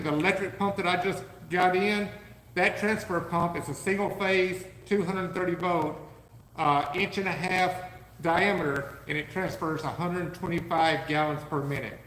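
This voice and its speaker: A man co-hosting a live podcast from a warehouse, pitching his gear with eager, salesman-like energy, his voice going hoarse. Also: a bit bright, roomy sound, in a large hall, low-quality recording. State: losing his voice. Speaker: podcast co-host, business owner. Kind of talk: casual live podcast chat.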